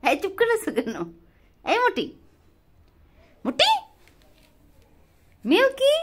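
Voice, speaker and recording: A woman with a very high voice chats to her rabbit in a bedroom at home, teasing and scolding it in baby talk. Her pitch leaps up and down as she coos and complains, which makes her sound animated. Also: measured pace. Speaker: vlogger talking to her pet rabbit. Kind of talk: casual pet vlog.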